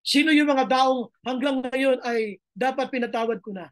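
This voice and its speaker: Woman pastor, high voice, emphatic sermon, repeats phrases. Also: moderate pace. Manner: mixes Tagalog and English, emphatic, repeats phrases.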